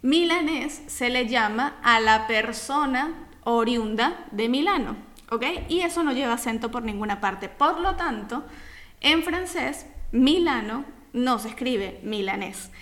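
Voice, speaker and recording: Emphatic higher-voiced woman podcast host. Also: lively intonation, a little slow, fairly bright tone. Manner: explanatory, emphatic, teacherly. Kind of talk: casual podcast chat.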